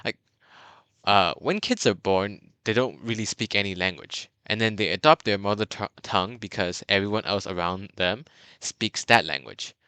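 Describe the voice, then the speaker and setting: A young man from Burma, working as a language tutor, walks through a beginner's lesson in a casual video, his low voice bright and crisp. He's animated and chatty at a normal speed, full of fillers and restarts. The sound is dry and close, with no room around it.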